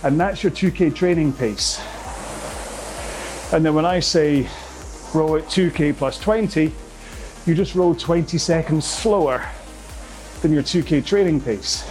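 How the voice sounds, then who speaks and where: A man's voice: on the high side, unhurried, pauses often, darkish tone, faint music behind. A man coaching an indoor rowing workout, talking through pace targets and technique in a chatty, rambling way. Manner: chatty, rambling, self-aware explanations. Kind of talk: workout instruction.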